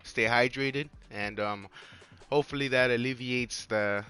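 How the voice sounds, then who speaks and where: Hoarse young man livestreaming, bright forceful voice. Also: medium pitch, fairly even intonation, measured pace. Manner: rambling, repeats phrases, slangy. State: hoarse, worn-out voice. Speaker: live game streamer. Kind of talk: casual livestream chat.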